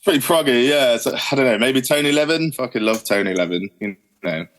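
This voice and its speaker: A man's voice: medium pitch, brisk, a bit bright. A man, a guest guitarist, chatting casually and enthusiastically on a podcast, swearing freely and trailing off with "you know".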